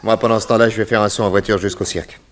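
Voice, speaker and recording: In a radio serial, an actor voices a calm, methodical male detective who explains things in a reassuring, measured way. The voice is natural and fairly low in pitch, with a brisk mood.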